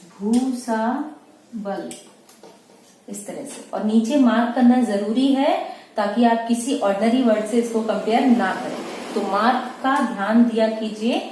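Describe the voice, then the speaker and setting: A woman, a shorthand teacher, giving a slow, deliberate lesson and repeating words syllable by syllable. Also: fairly high pitch, mellow. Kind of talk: slow dictation-style lesson. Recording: echoey room, far from mic, faint noise.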